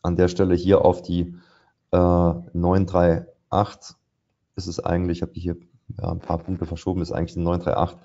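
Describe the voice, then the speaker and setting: A man's voice: deep voice, completely flat delivery, moderate pace, dark tone, dull audio. A man commenting live on market charts as he trades, thinking aloud with many fillers. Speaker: trader presenting a live trading session. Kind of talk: live market commentary over screen share.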